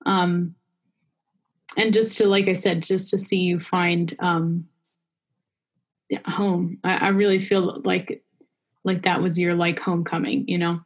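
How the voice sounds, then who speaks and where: A young woman hosting a faith podcast in a casual chat, warm-hearted and full of fillers like "um" and "you know". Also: lowish voice, flat delivery, measured pace, pauses often. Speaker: podcast host.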